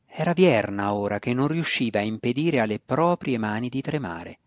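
A male narrator reading a fantasy audiobook in a measured, even way. His voice sits at an ordinary middle pitch, recorded close and dry with no room sound. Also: no room sound, muffled recording.

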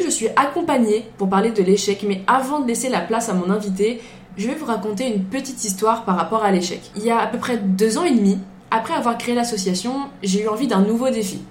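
A woman's voice: fairly high pitch, a little mellow. A young adult woman hosting a podcast, telling a personal story in a chatty, informal way. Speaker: podcast host. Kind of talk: casual podcast monologue and interview. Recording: echoey room, faint noise.

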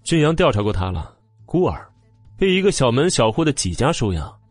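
A man's voice: medium pitch, lively intonation, fast talker, no echo, voice pushed up, close to an everyday voice. A man voicing an arrogant young man in an audiobook, talking in a sneering, taunting way. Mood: mocking. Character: arrogant, mocking young man, old friend. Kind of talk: audiobook character voice. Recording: dry close mic with faint music.

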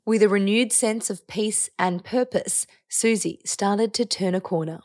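A woman giving scripted narration between interview clips in a measured storytelling manner. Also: mid-range voice, darkish tone.

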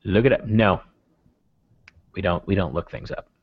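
A man's voice: sits low, normal speed, husky. A man co-hosting a casual podcast chat, joking and laughing as he talks. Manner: joking, animated, laughs often. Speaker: podcast co-host. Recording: dull, muffled sound.

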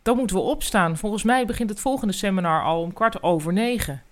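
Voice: mid-range voice, brisk, voice pushed up, natural voice. The narrator doing a flustered male guinea pig. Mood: groggy, fussing. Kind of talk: storybook reading.

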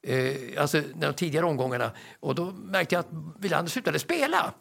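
A man's voice: a little high, creaky. An older man, a sports commentator on a panel, telling anecdotes with lots of stammered repetitions. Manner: stammering repetitions, excitable storytelling.

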